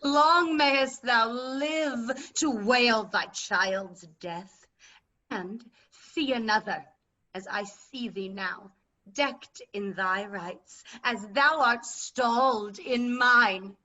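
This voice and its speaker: A woman's voice: on the high side, pushed and bright, exaggerated voice. A woman playing a bitter, deposed old queen in classical verse, declaiming with scorn over a video call. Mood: venomous cursing. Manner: declamatory, scornful, slow and deliberate. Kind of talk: classical verse stage acting. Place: remote video-call staged reading. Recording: dull video-call audio.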